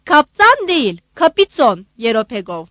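A woman voicing a proud, blustering old male general who shouts in wounded indignation. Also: high voice, very animated, moderate pace, no echo, clean studio sound, heavily acted. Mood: indignant shouting.

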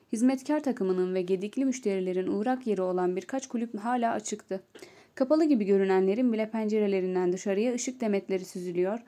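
A woman narrating an audiobook story in a calm, measured reading. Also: mid-range voice.

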